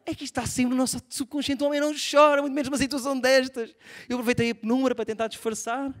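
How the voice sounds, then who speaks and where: A young man with a European Portuguese accent doing live stand-up comedy, animated and self-mocking, swinging from soft asides to loud outbursts. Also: very high-pitched, racing. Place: theatre stage before a live audience.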